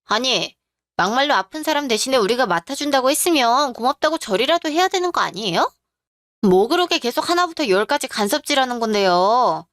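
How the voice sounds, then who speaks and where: A woman's voice: high voice, fairly bright tone, dry recording, clean studio sound. A woman voicing a rude, mocking young sister-in-law in a radio drama, sarcastic and sneering.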